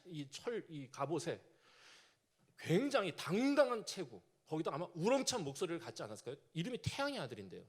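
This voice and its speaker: A male pastor preaching a sermon, telling the story vividly and acting out the characters' lines. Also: sits high.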